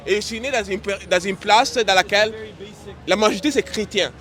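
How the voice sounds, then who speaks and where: A high-voiced man from Senegal debates earnestly on a city street. He speaks haltingly and often restarts his sentences, with a faint crowd murmuring around him. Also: fairly bright tone. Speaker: passerby.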